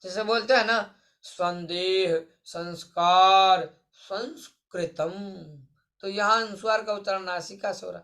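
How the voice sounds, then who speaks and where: In this online exam-prep lesson, a man teaching Sanskrit addresses his listeners as friends, works through each point, and asks the class questions he then answers himself. He has a high, bright voice, a steady and forceful tone, and speaks at a normal speed.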